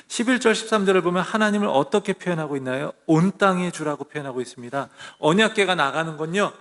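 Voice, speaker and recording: A man preaches a sermon from the pulpit, his voice sitting a little high for a man. He keeps asking the congregation questions and then answering them himself. The sound carries a long reverb from the church hall. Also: a bit bright. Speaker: pastor. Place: church sanctuary.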